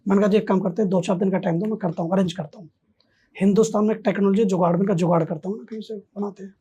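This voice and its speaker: A man's voice: high voice, steady tone, rapid-fire, mellow, breathy edge, lo-fi sound. A man, a podcast guest, telling a story in casual conversation and acting out both sides of the dialogue.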